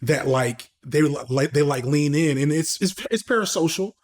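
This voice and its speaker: A man in his thirties with a fairly high-pitched voice talks at a moderate pace as a podcast guest. The conversational interview is informal and open, peppered with slang, profanity and restarts.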